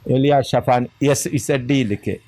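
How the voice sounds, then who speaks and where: A man teaching a Bible study, slowly giving verse references, pausing as he writes and correcting himself. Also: medium pitch, warm tone. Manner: deliberate, pauses while writing, self-correcting.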